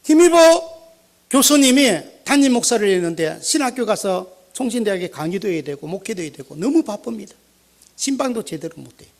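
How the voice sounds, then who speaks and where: An older retired pastor with a Gyeongsang accent, telling stories in a sermon with animated shifts between loud and quiet. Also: male voice, high-pitched, a little fast, vocal fry. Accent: Gyeongsang Korean. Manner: animated, anecdotal, swinging between loud and soft. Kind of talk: storytelling sermon.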